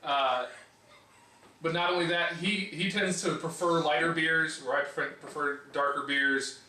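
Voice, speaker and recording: Casual co-host, man, hesitant with fillers; bright tone, echoey room, mic set back. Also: fairly high pitch, fairly even intonation, a little slow, far from the mic. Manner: hesitant, many filler sounds and restarts. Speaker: co-host of a beer review show. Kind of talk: casual chat. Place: home room.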